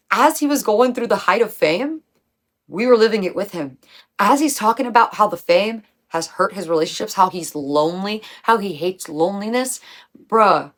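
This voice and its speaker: A young woman in her own casual commentary, breaking down an artist's albums. She talks in an emphatic, chatty way, full of slang and the odd swear, with a voice of middling pitch. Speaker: music commentary creator. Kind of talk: casual video essay commentary.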